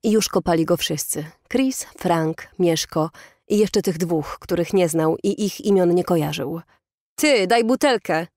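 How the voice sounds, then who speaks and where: Low-voiced woman narrating an audiobook. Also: unhurried, warm tone, dry recording, studio quality. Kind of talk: scripted narration.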